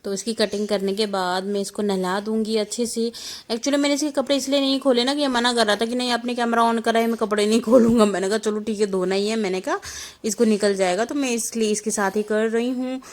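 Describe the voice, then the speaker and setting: A woman's voice: fairly high pitch, steady tone, a little fast. A young woman, a mother, chatting casually to viewers in a home vlog, talkative and often laughing. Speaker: mother vlogging her family channel.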